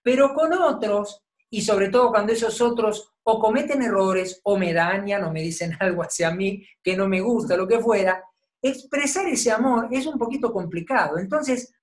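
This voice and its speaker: Woman preaching a Bible lesson in a sermon. Her pitch sits in the middle of the range. She talks in an explanatory way and keeps checking that her listeners follow. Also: moderate pace. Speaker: Bible teacher. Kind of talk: teaching sermon.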